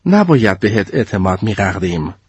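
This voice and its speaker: A man voicing a schoolboy who talks in a made-up French accent, lower than the narration. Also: very animated, darkish tone, breathy edge, dry recording, dull audio, exaggerated voice. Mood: wry. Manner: put-on, theatrical.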